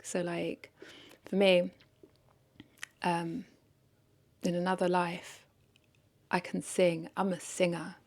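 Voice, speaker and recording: A woman with a lowish, creaky, darkish voice talks casually in an unscripted vlog. The content creator rambles and corrects herself as she thinks out loud.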